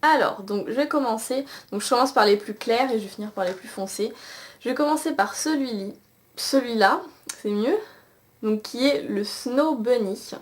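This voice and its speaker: A woman's voice: a little high, normal speed. A young woman casually reviewing eyeshadows to a camcorder, chatty, with many fillers and restarts. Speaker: beauty vlogger. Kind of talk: casual makeup review with swatches. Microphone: camcorder mic.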